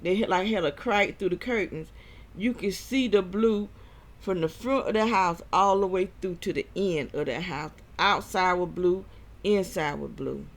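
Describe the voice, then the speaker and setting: A man giving a rambling personal monologue as a vlogger, halting and short of breath, with repeated restarts. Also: medium pitch.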